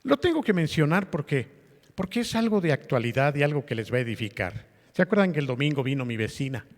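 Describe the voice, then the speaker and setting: A man's voice: a little high, sing-song, quick pace. A man, a pastor preaching a conversational sermon to his congregation and asking them questions. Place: church meeting hall. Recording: long hall reverb.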